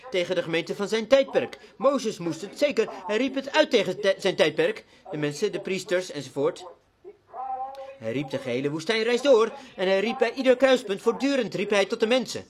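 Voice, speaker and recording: Fervent high-voiced man preaching a sermon. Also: expressive, normal speed, crowd noise. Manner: fervent, repetitive preaching cadence. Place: church before a congregation.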